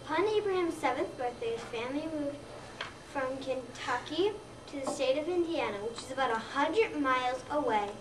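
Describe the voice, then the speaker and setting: A second grader of about seven or eight reads a scripted narration aloud for readers theater, in a high-pitched, animated voice at a moderate pace. The recording comes from a distant mic in an echoey room with a noisy background.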